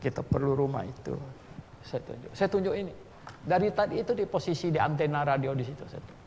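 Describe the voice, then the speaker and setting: A gravelly-voiced man in his sixties preaching a sermon, telling a story and acting out the dialogue with energy. His voice rings with a long reverb through a big church hall. A faint hiss sits underneath. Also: fairly high pitch, quick pace. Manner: animated storyteller who acts out dialogue. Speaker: pastor.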